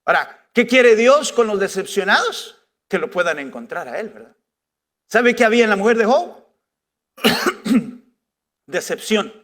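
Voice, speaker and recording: High-voiced man preaching a sermon. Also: a bit bright. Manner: rhetorical questions with frequent "¿verdad?"; emphatic, conversational preaching. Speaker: pastor.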